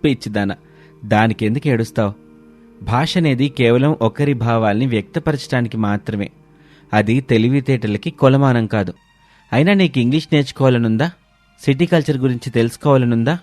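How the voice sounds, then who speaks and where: A man voicing a kind, supportive young husband in a cartoon, gentle and reassuring. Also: medium pitch, brisk, faint music behind, natural voice.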